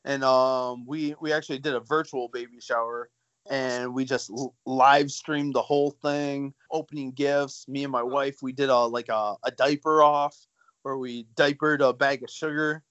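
A man's voice: medium pitch, fairly even intonation, normal speed, fairly bright tone, clear, resonant tone, no echo, lo-fi sound. A young man talking as a guest artist in a casual chat, jokey and chatty. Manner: jokey, chatty, laughs easily.

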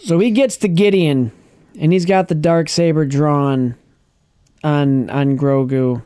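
Animated man with a warm, smooth voice. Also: a little high, takes it slowly, dry recording, studio quality. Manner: animated storyteller, acts out characters' lines, restarts often. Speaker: podcast co-host. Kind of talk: casual chat recapping a TV episode.

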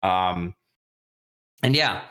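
A man with a fairly low voice recaps a novel in a relaxed podcast chat. He slips into quick, casual impressions of the characters and swears freely as he goes. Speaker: podcast host recapping a book.

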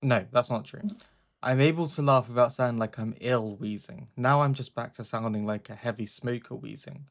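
A man's voice: mid-range voice, fairly even intonation, moderate pace, vocal fry. A British man co-hosting a podcast, chatting casually with dry, self-mocking humour while getting over an illness. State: recovering from illness. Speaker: podcast co-host. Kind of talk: casual chat.

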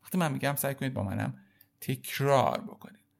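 A man teaching the French alphabet in a casual spoken lesson, addressing his viewers warmly as kids and repeating each sound slowly. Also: medium pitch, gravelly.

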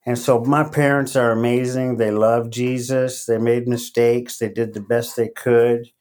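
A middle-aged man raised in Latin America speaks slowly and haltingly, with many fillers and restarts. His mid-range voice is level in tone and a little mellow. He sounds like a podcast guest easing into a casual interview.

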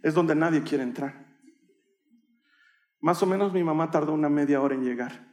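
A male preacher telling a personal story in a sermon, animated and acting out the voices of the people in it. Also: on the high side, moderate pace. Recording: echoey room.

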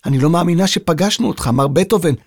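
A man voicing an eager, excited young girl who loves music, in a children's audio story. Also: a little high, husky, no echo, clean studio sound, pitched above the performer's own voice.

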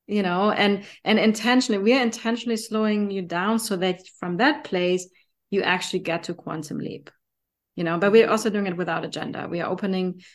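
A woman with a German accent talks in a casual podcast chat, her voice sitting somewhat low. She speaks with eager enthusiasm and keeps checking in with "right?" as she goes. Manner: enthusiastic, conversational, frequent "right?" tags. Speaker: podcast co-host.

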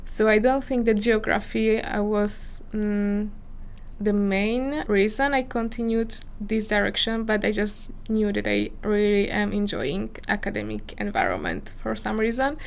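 With a gravelly, medium-pitched voice, lively intonation, and an unhurried pace, a Slovak woman in her twenties answers interview questions. She is a visiting scholar guest speaking earnest English as a non-native speaker with a Slovak accent, searching for her words.

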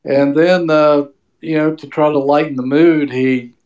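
A man calling in over the phone as a guest sports reporter, telling a story in a relaxed, rambling way. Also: on the high side, a little slow. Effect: heard over the phone. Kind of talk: phone-in interview. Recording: dull phone-line sound.

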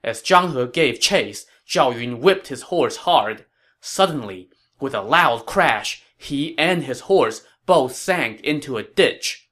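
A man narrating a historical tale in a measured, dramatic storytelling manner. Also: mid-range voice, lively intonation, bright, forceful tone.

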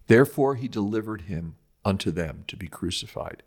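Delivering a prepared religious commentary like a lecture, this man gives scripture quotations dramatic weight and phrases everything emphatically and deliberately. His pitch is fairly low, his intonation lively, and his tone darkish and slightly rough.

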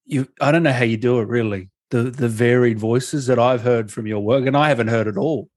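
A man's voice: mid-range voice, fairly quick, a little mellow, no echo. Male interviewer, dry close sound. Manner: admiring, curious. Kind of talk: casual interview chat.

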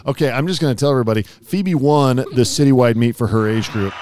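A man with a mid-range voice hosts a relaxed chat with his daughter. He teases her lightly and keeps an easygoing, playful tone. He talks at a loose, unhurried conversational pace. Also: medium pitch. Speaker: father interviewing his daughter, host. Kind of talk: casual chat.

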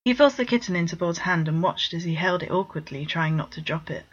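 A woman narrating a short written story in a steady, even reading voice, on a dull lo-fi recording. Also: on the low side, brisk, breathy edge.

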